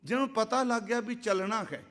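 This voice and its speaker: A high-pitched man delivers a sermon in a hall with a long, ringing reverb. He intones scripture in slow, drawn-out lines, then explains it in easy conversational speech. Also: fairly bright tone. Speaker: Sikh preacher giving katha.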